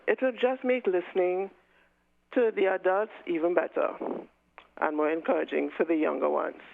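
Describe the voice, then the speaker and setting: Casual: guy phoning in, gravelly, tinny phone sound, earnest and measured. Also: high voice. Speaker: caller. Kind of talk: phoning in to a radio panel.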